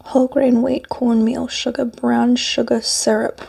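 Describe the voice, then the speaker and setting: Whispering New Zealand woman, breathy and husky. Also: on the high side, flat delivery, unhurried, darkish tone. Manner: tasting cereal while musing aloud. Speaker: snack reviewer. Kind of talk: whispered ASMR food review, eating cereal.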